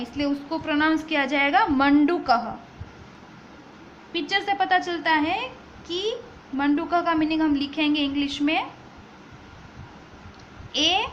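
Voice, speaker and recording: A woman teaches a vocabulary lesson at an unhurried pace, spelling each word out letter by letter. Her voice sits high. The recording sounds a little dull, with faint noise underneath. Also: pushed and bright. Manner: slow, patient, spells words letter by letter.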